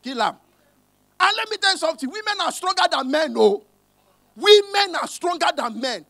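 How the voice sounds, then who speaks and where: A man with a Nigerian accent works a live cinema crowd in Pidgin and English. His voice sits very high and swings widely in pitch as he shouts his punchlines. The mic sound is dry and close, with a faint crowd behind him. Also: big pitch swings, normal speed, no echo. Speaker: stand-up comedian. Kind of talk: stand-up comedy in Pidgin and English. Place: cinema hall stage with a live audience. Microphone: handheld mic. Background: audience laughter.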